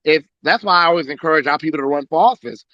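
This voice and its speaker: A man's voice: on the high side, fast talker, pushed and bright, dry recording. A man from South Carolina calling into a live chat, speaking in an earnest, conversational way. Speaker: caller. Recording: dull lo-fi call audio.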